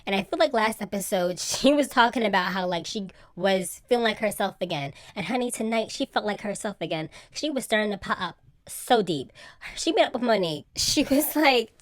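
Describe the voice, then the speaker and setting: A woman giving casual, sassy commentary on a reality show, gossipy and animated with lots of slang. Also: medium pitch, brisk, no echo. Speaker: reality TV recap vlogger.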